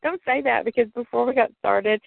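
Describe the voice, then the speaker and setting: A woman with a fairly high, gravelly voice chats from home as a podcast co-host, rambling through plot recaps with frequent giggles. The sound is thin and phone-like, dry and close. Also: fairly quick. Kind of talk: casual chat about soap operas. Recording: tinny phone-like line, dry.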